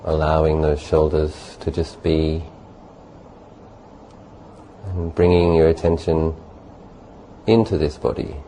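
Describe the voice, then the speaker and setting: Guiding a meditation, a very deep-voiced male teacher speaks gently and without hurry, with little pitch movement. Short phrases are separated by long pauses, and the poor recording carries a faint background noise.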